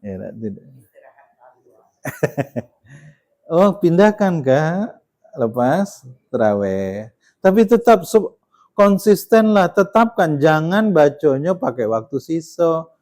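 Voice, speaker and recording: A man's voice: fairly high pitch, big pitch swings, slow pace, pauses often, darkish tone. A man giving a Quran study sermon in a conversational way, often ending points with tag questions and pressing them with emphasis. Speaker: Islamic preacher.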